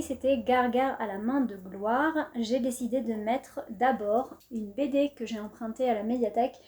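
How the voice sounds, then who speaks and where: Chatty young French woman, mellow voice. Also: on the high side. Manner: chatty, frequent fillers and little laughs. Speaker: booktuber presenting her reading list. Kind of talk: casual vlog chat.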